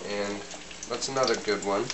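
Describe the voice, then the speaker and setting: Here a man takes the role of a young Polish interviewee cooking in a home kitchen, speaking hesitantly with many ums but in a relaxed mood, for an amateur comedy sketch. His natural voice is lowish and steady, at normal speed. The distant camera mic yields roomy, hissy home-video audio.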